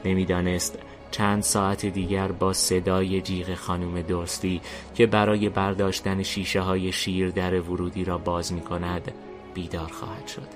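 A man narrating a fantasy story in a steady, deliberate reading style. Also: deep voice. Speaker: narrator and host. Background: faint music.

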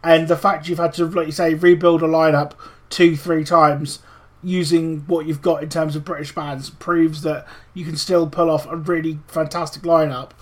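A man's voice: a little high, flat delivery, normal speed. A man hosting a podcast interview in a casual, chatty style. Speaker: podcast host.

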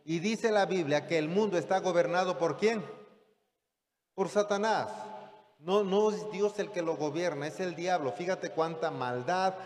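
A man's voice: high-pitched, a little slow, darkish tone. A man preaching a sermon, talking conversationally and often checking in with the congregation through rhetorical questions. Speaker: pastor. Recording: long hall reverb.

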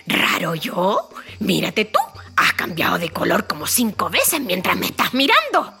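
A bewildered little creature fresh from an egg, puzzled and quick to take offence at being called strange, as a woman puts it on. The voice is bright and lifted, swinging up in surprise, with soft music faint behind it in a storybook reading. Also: medium pitch, very animated, heavily acted. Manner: puzzled, indignant, earnest. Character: lost, bewildered creature fallen from the sky.

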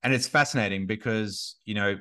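A man's voice: lowish voice, fairly quick, sharp tone. A man in his thirties, a podcast guest and business coach, talking casually and rambling with many restarts and fillers. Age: 30s.

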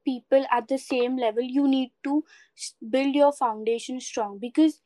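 A woman's voice: high-pitched, fairly even intonation, moderate pace, warm tone, no room sound. A woman with an Indian accent chatting casually and reflectively in an earnest, encouraging way, slipping between English and Hindi. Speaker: podcast co-host.

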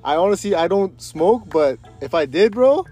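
A man's voice: sits high, animated, moderate pace, warm tone, faint music behind. A man with a slight lisp, a barber guest chatting easily on a podcast. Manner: easygoing, agreeable, slight lisp. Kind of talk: casual podcast chat.

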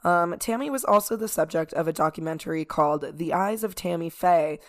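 Hoarse, low-voiced woman podcast host. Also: a little fast. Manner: informal, peppers talk with "like" and "y'all". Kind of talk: casual podcast chat.

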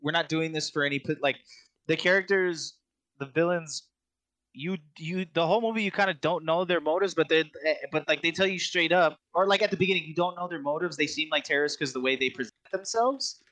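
A man co-hosting a podcast, talking about a film in an enthusiastic, halting way with many restarts. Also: on the high side, a bit bright, no room sound. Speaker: podcast co-host. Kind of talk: casual movie review chat.

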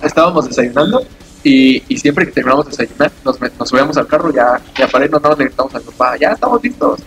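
A man's voice: medium pitch, expressive, fast, a bit bright, low-quality recording. A man with a Mexican accent telling a family story in casual, slangy chat, laughing as he goes.

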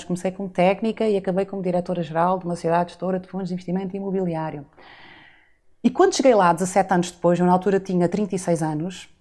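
Warm and low-pitched, an Azorean woman in her forties recounts her life as a guest on a podcast. The interview is casual, and she reflects aloud, often slipping in rhetorical asides.

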